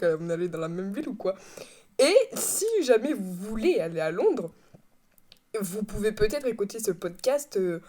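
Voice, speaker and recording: A woman's voice: mid-range voice, mellow. A young woman from France hosting her own podcast, talking in a rambling, chatty way with frequent laughs and self-corrections at home. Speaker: podcast host. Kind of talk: casual chat. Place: home room.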